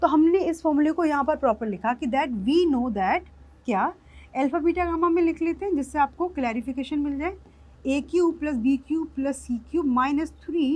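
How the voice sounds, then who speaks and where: A woman with a high voice teaches maths in a lecture, working through each step slowly and carefully. She keeps checking whether the class has understood. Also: darkish tone. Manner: explains step by step, often checks whether students have understood.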